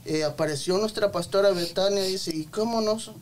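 A man's voice: high voice, normal speed, slight background noise. A man on a religious talk show reading out viewer comments and prayer requests. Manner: reading messages aloud.

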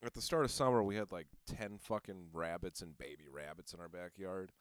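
A man's voice: low voice, animated, brisk, clean tone, no echo. A man casually co-hosting a podcast, rambling and teasing with plenty of swearing. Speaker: podcast co-host. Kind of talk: casual chat.

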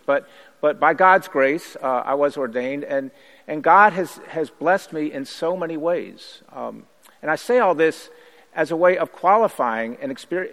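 A priest and pastor whose first language is Haitian Creole gives a personal recovery testimony in a reverberant hall. His voice is fairly high and a bit bright, and his manner is earnest, reflective and measured.

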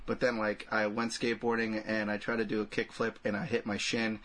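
A podcast co-host with a lowish, slightly bright voice talks briskly and completely flatly while chatting about a film with friends. He rambles, leans on crude humor and fills his speech with "like" and "you know".

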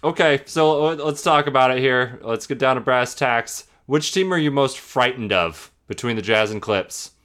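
A man's voice: medium pitch, normal speed, few pauses, a bit bright. A man guesting on a sports podcast, easygoing and jokey. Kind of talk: casual sports chat.

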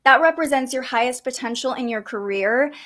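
A woman with a slightly high voice walks a guest through her birth chart. She talks gently and explains as she goes, with soft fillers and light laughs. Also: brisk. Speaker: podcast host reading an astrology chart. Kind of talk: conversational astrology reading.

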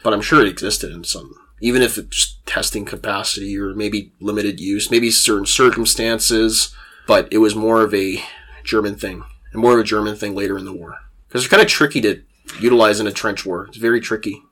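A man's voice: lowish voice, steady tone, a little fast, a bit bright, husky. A man in a casual, explanatory discussion of history, often repeating and rephrasing his points as he goes.

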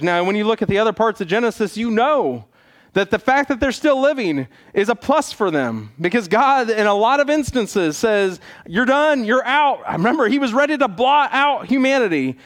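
A male preacher with a notably high voice delivers a church sermon. He is earnest and exhorting, leaning on repetition and rhetorical questions. Key phrases are set apart with emphatic pauses.

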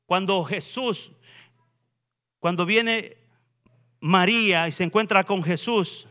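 A male pastor preaching a sermon in a church, swinging from hushed reading to fervent, raised exhortation. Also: high-pitched, slow pace.

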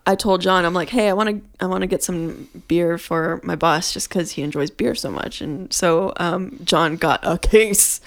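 A woman's voice: fairly low pitch, moderate pace, few pauses. Giggly woman chatting casually. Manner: giggly, laughs often. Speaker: podcast co-host. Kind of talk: casual chat.

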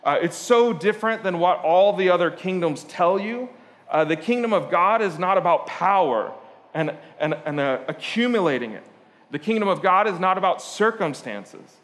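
A man from Portugal delivers a sermon in a loose, conversational way, full of asides and "uh" fillers. His voice sits slightly high for a man. The sound trails off in the long reverb of a large church hall. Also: animated, moderate pace, fairly bright tone. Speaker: pastor.

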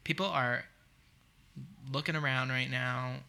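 A woman's voice: extremely low pitch, fairly even intonation, creaky, bright, forceful tone. A woman co-hosting a podcast in casual, goofy chat, often laughing and joking. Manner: jokey, goofy, quick to laugh. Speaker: podcast co-host.

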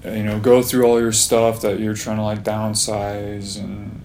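A man's voice: lowish voice, monotone, unhurried, darkish tone, a little hiss or hum. A young man telling a story in casual chat, rambling and full of fillers. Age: young adult.

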